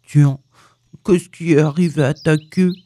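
A woman voicing a kindly, simple-minded male teddy bear in a storybook reading, gentle and earnest. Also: fairly low pitch, slow, no echo.

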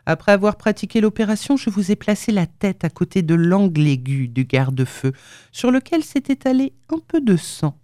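A woman reading the lines of a calm, clinical male surgeon with quiet menace in an audiobook. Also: mid-range voice, normal speed, dry recording, studio quality, close to an everyday voice. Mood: cold menace. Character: cold scheming male surgeon, middle-aged.

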